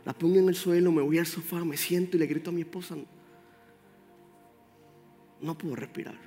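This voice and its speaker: A man's voice: on the high side, steady tone, quick pace, dark tone. A man preaching a sermon, speaking directly and with animation to his congregation. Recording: roomy hall with faint music.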